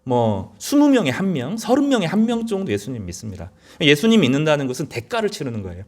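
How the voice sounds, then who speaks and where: A man's voice: a little high, wildly swooping pitch, quick pace. A middle-aged male pastor giving a sermon in an earnest, conversational way, often rising to emphatic peaks.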